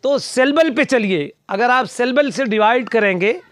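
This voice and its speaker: A man's voice: very high-pitched, lively intonation, normal speed, a bit bright, no echo. A middle-aged man teaching a vocabulary lesson, patiently repeating words for learners in a fatherly way. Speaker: language teacher.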